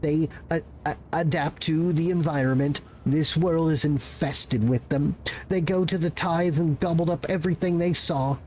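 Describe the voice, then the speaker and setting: Overworked video game clerk, played by a man: high voice, halting and stuttering, frantic, guilty, begging to be understood. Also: steady tone, darkish tone, slight background noise, natural voice. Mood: flustered. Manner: stammering, halting, pleading. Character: frantic, guilt-ridden, overworked male clerk with head implant. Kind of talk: improvised reading of game dialogue.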